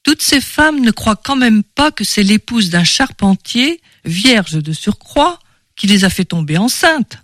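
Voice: medium pitch, sing-song, unhurried, fairly bright tone, no echo, clean studio sound. A performer voicing an impetuous male journalist in an audiobook, talking in an indignant, scornful way. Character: hot-headed male journalist, scornful skeptic. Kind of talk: audiobook character reading.

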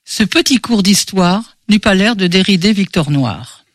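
A man narrating a novel in a measured, expressive way. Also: sits high, no room sound, clean studio sound. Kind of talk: scripted audiobook narration.

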